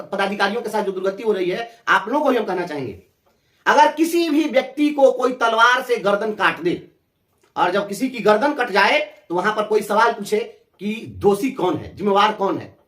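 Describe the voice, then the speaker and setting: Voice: mid-range voice, fairly bright tone, reverberant. Fiery sarcastic speaker with a Bihari accent. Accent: Bihari Hindi. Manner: fiery, sarcastic, repeats phrases for emphasis. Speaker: teachers' representative. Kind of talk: impassioned interview answer.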